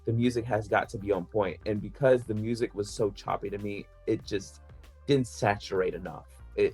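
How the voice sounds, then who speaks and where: A man on a podcast panel rambles casually through his opinions, leaning heavily on "like" as a filler and laughing now and then between points. His voice is medium-pitched with a breathy edge.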